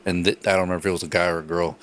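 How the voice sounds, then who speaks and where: A man hosting a podcast in casual chat, telling stories full of swearing and jumping up to a higher voice to act out the people in them. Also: rapid-fire. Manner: animated storytelling, swears a lot, acts out quoted people in a much higher voice. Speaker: podcast host.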